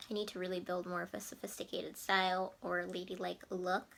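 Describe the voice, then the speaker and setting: A woman's voice: on the low side, creaky, a bit bright. A woman in her twenties chatting casually to camera as a vlogger, rambling with many fillers and restarts. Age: 20s.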